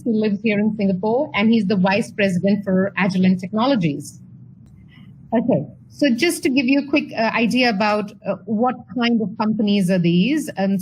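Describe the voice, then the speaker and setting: A woman from India presents to an online audience in a chatty, unpolished way, dotting her sentences with fillers and small restarts. Her voice sits at an ordinary pitch for a woman. A faint noise runs under the video-call audio. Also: low-quality recording. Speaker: speaker at an online talk.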